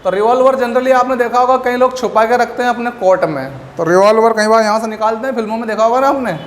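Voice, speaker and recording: Very high-pitched guy teaching, quizzes himself, roomy echo with a long tail. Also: quick pace. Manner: animated, asks questions and answers them himself. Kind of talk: classroom lecture with memory tricks. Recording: echoey room with faint background noise.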